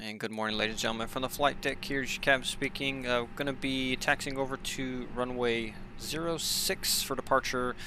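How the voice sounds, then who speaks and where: A man playing pilot in a flight simulator, reading checklists and giving relaxed captain announcements with many fillers into a headset mic. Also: mid-range voice, fairly quick, few pauses. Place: home flight simulator setup. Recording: clear steady background noise.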